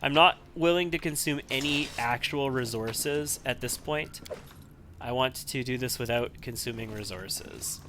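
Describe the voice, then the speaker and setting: A man's voice: medium pitch, measured pace. A man giving casual, analytical gameplay commentary, sometimes repeating himself as he thinks. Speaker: video game let's player. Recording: faint background noise.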